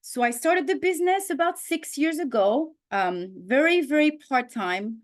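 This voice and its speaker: A woman from Switzerland presents to a team over a video call in a cheerful, chatty way. Her voice sits a little high. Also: lively intonation, moderate pace. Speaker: guest speaker.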